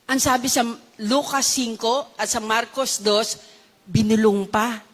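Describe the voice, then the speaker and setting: A woman preaching a Bible-study sermon, animated and acting out gossiping voices. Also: fairly high pitch, unhurried. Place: church hall. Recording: long reverb of a hall.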